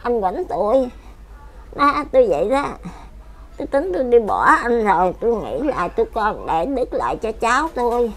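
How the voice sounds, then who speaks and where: Speaking at a normal speed, a widow in her later years talks with a Southern Vietnamese accent, her high-leaning voice swinging widely in pitch. It's a casual interview chat where she wanders and repeats herself, grumbling about her life.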